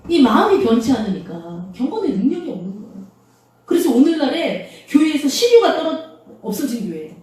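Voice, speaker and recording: In a very echoey room, a woman's mellow, somewhat high voice comes from far off. She is a pastor preaching in a small church, talking in a conversational way and putting rhetorical questions to the congregation.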